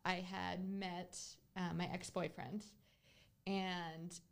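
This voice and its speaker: A woman's voice: lowish voice, flat delivery, takes it slowly, vocal fry. A woman hosting a podcast, talking casually and earnestly as she tells a client story. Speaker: podcast host, real estate agent.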